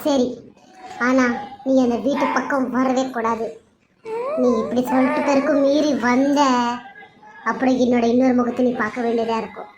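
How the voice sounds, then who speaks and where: A woman's voice: high voice, steady tone, normal speed, pauses often, dull audio, lightly acted. A woman voicing a harsh, threatening mother-in-law in a cartoon serial. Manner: threatening, commanding.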